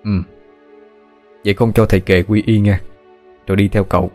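A man voicing a gentle, fatherly male spirit who speaks in a soothing, coaxing way. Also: on the low side, flat delivery, moderate pace, soft background music, natural voice.

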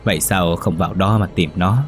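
A man voicing a calm, eerie old man who speaks slowly and evenly. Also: low-pitched, soft background music, close to an everyday voice. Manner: slow and composed.

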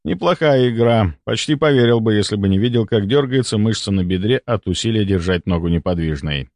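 A man reading a first-person audiobook in an expressive, animated manner. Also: on the low side, a little fast, no echo. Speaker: audiobook narrator. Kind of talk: scripted first-person narration.

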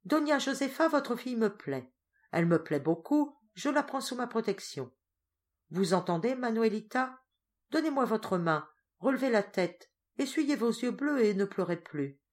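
A woman's voice: mid-range voice, animated, moderate pace, darkish tone, voice pushed up, close to an everyday voice. A woman voicing a spoiled, impetuous rich young girl in a storybook reading, who speaks in a pleading, eager way.

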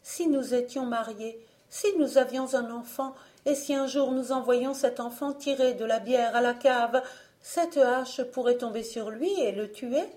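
A woman's voice: a little high, measured pace, darkish tone, voice pushed up, lightly acted. A woman voicing an anxious, tearful young woman who frets and wails. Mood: fretful wailing.

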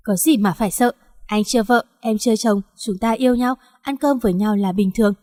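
A woman's voice: a little high, a little fast, darkish tone, no echo, studio quality, in a large hall, lightly acted. A woman voicing a possessive young male teacher who is hot-tempered and teasing.

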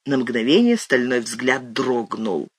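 A man narrating an audiobook with expressive, animated storytelling. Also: medium pitch, slow pace, breathy edge, dry recording, clean studio sound. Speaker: audiobook reader. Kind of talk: scripted narration.

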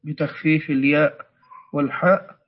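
A man's voice: on the high side, steady tone, normal speed. A man teaching a text, correcting the reader and explaining words, with frequent hesitation sounds. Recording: muffled lo-fi recording.

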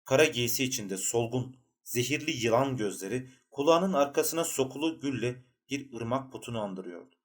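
A man reads a literary novel aloud in a steady audiobook narration. His voice sits at an ordinary middle pitch for a man, and his delivery stays measured and even.

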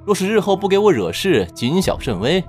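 A man playing a haughty, condescending young gentleman suitor in an audiobook drama. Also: sits high, big pitch swings, brisk. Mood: smug, condescending. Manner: haughty, self-satisfied. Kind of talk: Chinese audiobook drama acting. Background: background music.

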